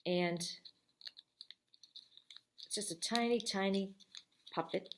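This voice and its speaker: A woman's voice: mid-range voice, slow, noisy background. A woman librarian giving a friendly, step-by-step craft tutorial for kids. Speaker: children's librarian.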